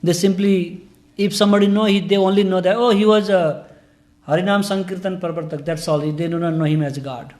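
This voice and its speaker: High-voiced man. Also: fairly even intonation, fairly quick, darkish tone. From Nepal. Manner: earnest, informal, broken English grammar. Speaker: guest speaker giving a scripture class. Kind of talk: scripture class with discussion. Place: temple hall.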